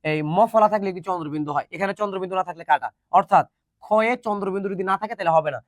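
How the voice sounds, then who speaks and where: A man teaching an exam-prep class at a rapid clip, his voice pitched high for a man. He drills pronunciation and drops in joking asides. The sound is close and dry, with no room echo. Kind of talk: online exam-prep lesson.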